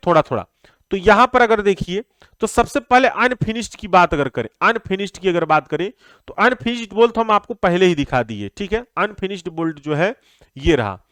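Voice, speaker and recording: Young male lecturer, high clear voice, dry close sound, drills terms by repetition. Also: a bit bright, no room sound. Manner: repeats key terms, asks and answers his own questions. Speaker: civil engineering teacher. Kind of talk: classroom lecture.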